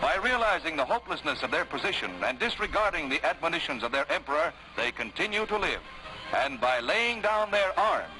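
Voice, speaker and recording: A man narrating a 1940s wartime newsreel in a brisk, dramatic announcer delivery, played from an old newsreel soundtrack. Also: fairly high pitch, sing-song, poor audio. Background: music.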